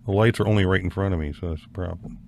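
A man's voice: low-pitched, rapid-fire, creaky. A man co-hosting a podcast from a home green-screen setup, chatting expressively over a call. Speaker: podcast co-host. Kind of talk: casual chat.

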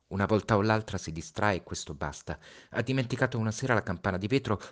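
A man reading a story aloud, slow and reflective with hushed pauses. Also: sits low. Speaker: storybook reader. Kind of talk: read-aloud story narration.

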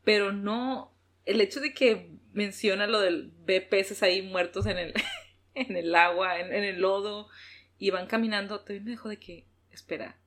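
A woman co-hosting a casual book discussion, animated and self-mocking with quick laughs. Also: mid-range voice. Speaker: book podcast co-host.

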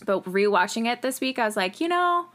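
A woman co-hosting a podcast in a casual, animated chat, laughing often and acting out what people said. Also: medium pitch, brisk. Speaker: podcast co-host.

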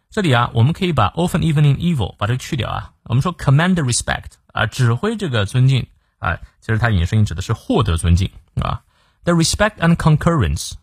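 A man hosting a daily English reading lesson, explaining words and pronunciation in a lively way, stretching filler particles and reading English lines slowly. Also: medium pitch, vocal fry, husky, dry recording, clean studio sound.

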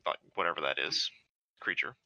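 A man's voice: low voice, expressive, a little fast, sharp tone, dry recording. A man playing a tabletop game online, asking careful questions about the scene. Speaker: player. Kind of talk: casual chat during a tabletop game.

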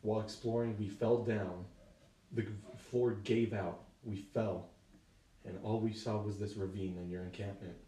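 A man's voice: fairly low pitch, fairly even intonation, normal speed, warm tone, natural voice. A man voicing a polite male adventurer in a tabletop game, speaking formally and carefully. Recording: roomy, from far off the mic.

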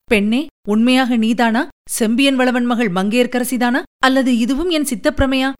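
A woman's voice: a little high, normal speed, close to an everyday voice. A woman voicing an earnest, lovesick young prince who speaks in pleading, emotional questions.

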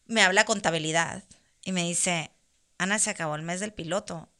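Lady chatting and telling a story, lively, bright clear voice, laughs here and there. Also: fairly low pitch, normal speed. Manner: animated, laughs often while telling a story. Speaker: guest. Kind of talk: casual chat, storytelling.

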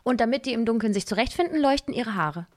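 A woman's voice: fairly high pitch, expressive, fast talker, dry recording, studio quality. A woman co-hosting a podcast in casual chat, with playful, teasing remarks. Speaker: podcast co-host.

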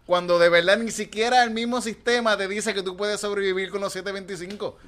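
A man's voice: high-pitched, fairly even intonation, fairly quick, a bit bright. A man with a Puerto Rican accent chatting on a podcast, blunt and profane. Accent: Puerto Rican Spanish. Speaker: podcast co-host. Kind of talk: casual crude podcast chat.

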